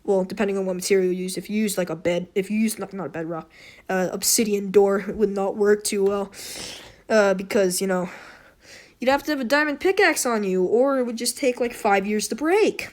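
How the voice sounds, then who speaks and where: Hosting an off-the-cuff game tutorial, this woman talks briskly in a hoarse, slightly wheezy voice of middling female pitch. Her commentary rambles, and she's frequently apologetic and self-deprecating.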